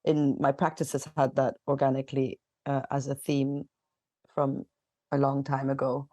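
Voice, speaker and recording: Woman guest in her forties from Kenya, mellow low voice, loose chatty delivery with restarts. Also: monotone, unhurried, dry recording, clean studio sound. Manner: chatty, laughs often, many fillers and restarts. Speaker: guest artist. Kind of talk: casual interview.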